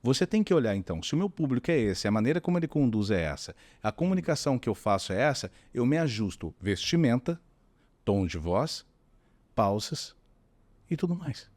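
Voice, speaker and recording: A man's voice: mid-range voice, big pitch swings, brisk, darkish tone, no echo. A middle-aged Brazilian man, a communication strategist, explaining animatedly and often acting out voices. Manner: demonstrative, often acts out voices.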